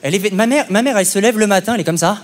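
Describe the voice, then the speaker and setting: On a festival stage, a young man does stand-up with a high-pitched, rapid-fire delivery, punchy and conversational, frequently checking in with "ok?". His stage microphone picks up long hall reverb and a noisy live audience laughing and applauding.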